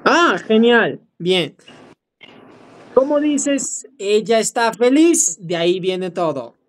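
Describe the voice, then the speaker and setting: A woman teaching a live online English lesson, drilling phrases slowly and encouraging her students. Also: mid-range voice, sing-song.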